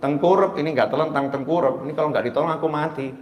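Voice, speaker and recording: A man preaching a sermon, switching between loud calls and hushed asides. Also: fairly high pitch, quick pace, echoey room, lo-fi sound. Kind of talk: Islamic sermon.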